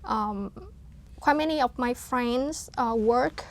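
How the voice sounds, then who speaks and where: A Vietnamese woman, whose first language is Vietnamese, speaks as a guest in a casual interview. Her voice is on the high side, and her speech is halting and hesitant, with many fillers, restarts and soft laughs.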